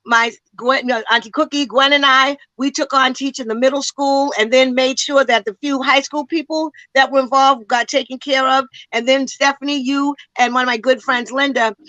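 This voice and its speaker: A woman's voice: high-pitched, fairly even intonation, moderate pace, hardly any pauses, pushed and bright, no room sound, poor audio. A woman community educator speaking with passion in a panel discussion, emphatic and full of rhetorical questions, a little out of breath.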